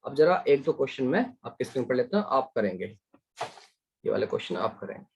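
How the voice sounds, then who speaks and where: A man's voice: medium pitch, big pitch swings, a little fast, creaky, lo-fi sound, slight background noise. A man teaching an online physics class, coaxing the students and quizzing them, asking them to raise hands and reply.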